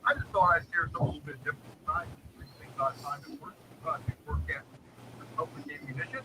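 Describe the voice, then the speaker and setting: A man joining a live video stream to chat casually. He comes through on low-quality stream audio, muffled as if underwater. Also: sing-song, fast talker. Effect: low-quality stream audio, muffled and faint as if underwater. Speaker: co-host on a live reloading stream. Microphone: cheap webcam mic over a video call. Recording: noisy, distant, muffled webcam-call audio.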